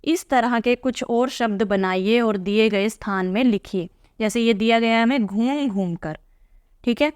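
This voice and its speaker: Slow, patient woman teacher. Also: fairly high pitch, smooth, no room sound, studio quality. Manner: slow, patient, checks in with "theek hai?". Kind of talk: explaining a textbook lesson to young pupils.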